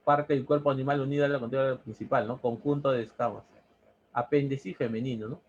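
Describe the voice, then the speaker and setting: A man's voice: mid-range voice, fairly even intonation, a little fast, husky, lo-fi sound. A man teaching a grammar lesson, who repeats words and checks in with a questioning "¿no?". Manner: explains step by step, repeating words and asking "¿no?".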